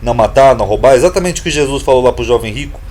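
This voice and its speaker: Racing along in an expressive, medium-pitched voice with a darkish tone, a man with a Brazilian Portuguese accent runs through Bible terms in a casual lesson. He hosts a channel as a Bible teacher, repeating points emphatically and asking rhetorical questions.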